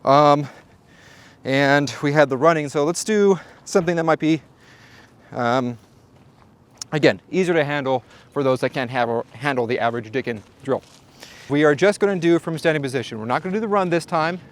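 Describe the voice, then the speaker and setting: A man with a fairly high voice speaks at a moderate pace, hosting a shooting channel video at the range. He jokes around playfully and addresses the viewer directly in casual vlog narration, sometimes sounding out of breath.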